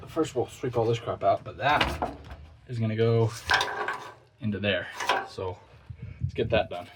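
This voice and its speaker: Offhand man talking through loud wind noise. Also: on the low side, measured pace. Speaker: DIY car restoration vlogger. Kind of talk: casual narration while working. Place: working on a car, windy outdoors. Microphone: phone. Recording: windy, noisy phone recording. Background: loud wind noise, clicks.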